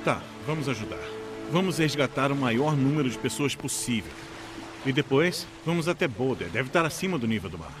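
An actor dubbing a determined scientist turned boat rescuer in an action film, with a Brazilian accent. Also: male voice, mid-range voice, expressive, brisk, music in the background, close to an everyday voice. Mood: grave. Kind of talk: dubbed action film dialogue.

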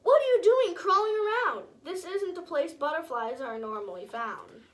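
A woman's voice: sits high, very animated, normal speed, fairly bright tone. Woman doing a kindly old garden gnome. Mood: encouraging.

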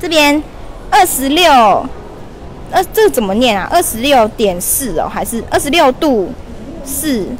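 A woman in her twenties hosting a lively livestream shopping promo in a mall store, chatty and laughing often. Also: high-pitched, measured pace, a little hiss or hum. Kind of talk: lively live-stream product promo. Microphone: wired lapel mic held in hand.

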